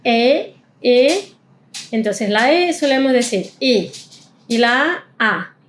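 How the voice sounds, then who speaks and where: Woman teaching, slow careful drills. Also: a little high, expressive, fairly bright tone, a little hiss or hum. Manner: repeats sounds slowly, drawn-out vowel drills. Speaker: German teacher. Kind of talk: pronunciation lesson.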